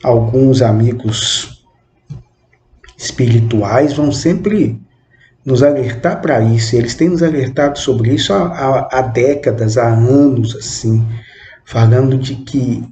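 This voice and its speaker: A man in his twenties giving a reflective spoken monologue, with halting, measured phrasing and frequent questioning tag words. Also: medium pitch, mellow. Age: 20s. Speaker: channel host. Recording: roomy echo with faint background noise.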